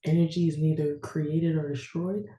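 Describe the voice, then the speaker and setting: Student, tentative answers, mid-pitched voice, roomy echo. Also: little pitch movement, moderate pace, warm tone. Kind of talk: answering tutor questions.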